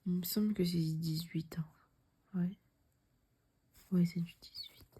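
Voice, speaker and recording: A young woman showing her cross-stitch patterns in a casual vlog, chatty and repeating herself, often dropping to a soft near-whisper. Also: fairly low pitch, steady tone, measured pace, slightly rough. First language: French. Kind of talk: casual show-and-tell vlog.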